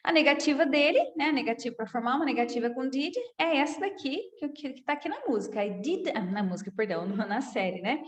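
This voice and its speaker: Brazilian teacher, female, slightly high-pitched, keeps checking in with listeners, recorded in a reverberant room. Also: animated. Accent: Brazilian Portuguese. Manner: checks in constantly with "tá?" and "né?", repeats examples slowly. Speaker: English teacher. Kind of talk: casual online lesson. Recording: echoey room with long reverb.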